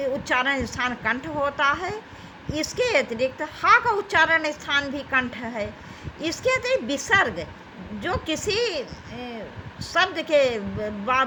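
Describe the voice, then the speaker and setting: A woman's voice: high-pitched, sharp tone, a little hiss or hum, poor audio. A woman teaching an exam-prep grammar lesson, reading out questions and options and addressing her students as children. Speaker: Hindi teacher.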